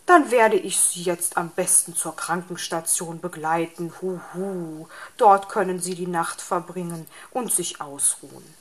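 Woman voicing a kindly old male owl, storybook, calm, hooting, low, slow. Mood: helpful. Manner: calm, hoots after sentences.

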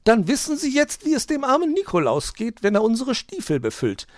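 A man doing a shrill bossy magpie lady. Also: huge pitch swings, brisk, dry recording, clean studio sound, full character voice. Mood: bossy, mocking. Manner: teasing, scolding, know-it-all. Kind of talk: storybook reading.

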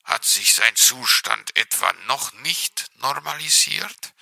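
Croaking grumpy old raven, as a man plays him. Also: medium pitch, animated, slow, sharp tone, no echo, full character voice. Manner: croaky, listless, adds "kra".

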